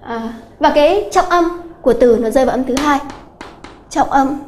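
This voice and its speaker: A woman with a high, light voice is teaching a grammar lesson for an exam-prep class. She explains step by step and repeats the key points slowly. Frequent hesitant fillers break up her sentences. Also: darkish tone, a little hiss or hum. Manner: slow, repetitive explaining with many filler "à" sounds. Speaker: English teacher.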